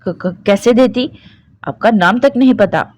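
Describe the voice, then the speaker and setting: A woman's voice: fairly high pitch, measured pace, darkish tone, slight background noise, voice pushed up, lightly acted. A woman voicing a trembling, stammering young bride. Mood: frightened. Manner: stammering, pleading.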